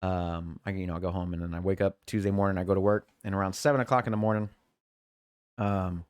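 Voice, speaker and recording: A man rambles through stories from his work week on a podcast, quoting the people he deals with. He talks fast in a somewhat low voice. The mic is close and dry, with no room sound. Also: fairly even intonation, smooth, dry recording. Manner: rambling storyteller, mimics coworkers in quotes. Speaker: podcast co-host. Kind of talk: casual chat.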